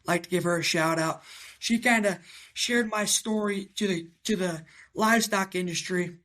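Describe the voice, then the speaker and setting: A young cattle breeder from Iowa, a man in his twenties, answers interview questions as a guest in a halting, casual way packed with fillers. His voice is raspy yet also high, pushed and bright.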